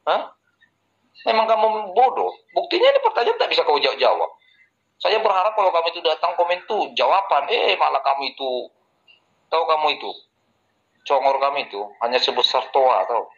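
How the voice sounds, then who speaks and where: Man, pastor, higher voice that swings widely, boastful and insulting; muffled voice-chat audio. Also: big pitch swings, fairly quick, pauses often, a bit bright. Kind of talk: heated online debate.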